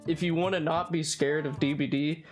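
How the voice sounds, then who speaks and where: A man's voice: on the high side, steady tone, fairly quick. A young man hosting a casual guessing game, rambling, repeating words and laughing often as he explains. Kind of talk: casual chat. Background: background music.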